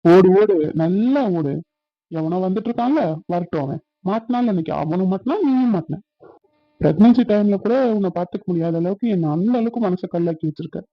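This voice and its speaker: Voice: medium pitch, expressive, a little fast, dry recording, lightly acted. A performer voicing a sarcastic, muttering young husband in a cartoon. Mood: bitter. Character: grumbling, cold-hearted young husband. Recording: dull, dry lo-fi sound.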